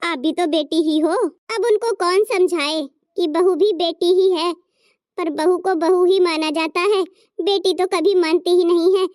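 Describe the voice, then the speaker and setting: A patient, soft-spoken young daughter-in-law in a cartoon family drama, as a woman acts her out. She speaks very high and gently, giving advice. The recording is close and dry. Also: measured pace, no echo. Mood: gentle. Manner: gentle, advising. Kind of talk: cartoon story voice acting.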